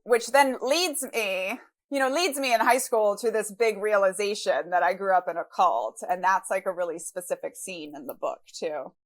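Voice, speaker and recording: A woman in her thirties from Brazil speaks as a guest in a relaxed interview. Her voice sits at a middle pitch, and she talks candidly and reflectively, often pausing on fillers. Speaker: podcast guest, author. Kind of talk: casual interview conversation.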